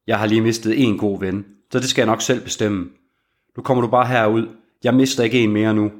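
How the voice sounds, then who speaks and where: A man's voice: lowish voice, fairly even intonation, lightly acted. A man voicing a loyal, protective male workshop boss who speaks bluntly and firmly. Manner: blunt, firm.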